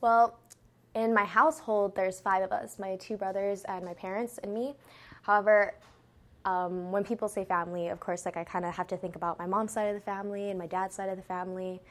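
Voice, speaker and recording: A young woman from Guam answering interview questions in a relaxed, hedging way, with lots of "like". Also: medium pitch, fairly quick.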